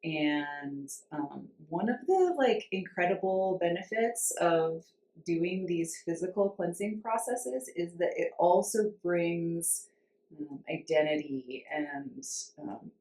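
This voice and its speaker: A woman instructor informally explaining a breathing and cleansing practice in a measured way, with pauses. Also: lowish voice, gravelly, darkish tone. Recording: roomy, echoing sound.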